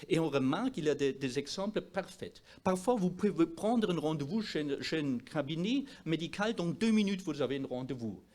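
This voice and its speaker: A man with a foreign accent, a non-native speaker of French, giving a presentation as a doctor, emphatic and sometimes halting as he searches for words. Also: on the high side, lively intonation, a little mellow. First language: not French. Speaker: doctor presenting at a health conference. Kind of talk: presentation to an audience.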